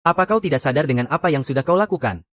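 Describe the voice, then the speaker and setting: Casting: rich, haughty young executive, drama dub, lighter-pitched, cool delivery, close dry recording. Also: male voice, expressive, racing, fairly bright tone, no echo. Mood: disgusted, cold. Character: arrogant wealthy young male executive, possessive boyfriend. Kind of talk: dubbed modern romance drama.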